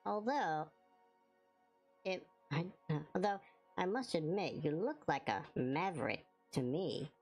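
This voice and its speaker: Guy doing eager goofy game recruiter dude, high for a man, slow, up and down melody. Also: animated, faint music behind. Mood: eager, friendly. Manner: chatty, enthusiastic. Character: eager, chummy, self-styled cool male recruiter.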